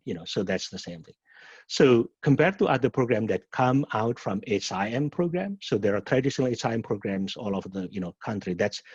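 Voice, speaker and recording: A middle-aged Indonesian man, a professor and program director, answers webinar questions in an Indonesian accent with a husky voice on the low side. He speaks haltingly, often repeating words and restarting, and the webinar audio is muffled and echoey.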